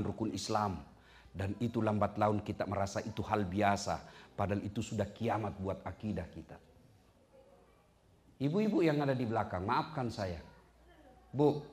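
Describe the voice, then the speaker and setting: A man preaching a lively sermon to a congregation. He asks the listeners direct questions and swings between low, hushed storytelling and high, loud punchlines. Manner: addresses the audience directly with questions. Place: community gathering hall.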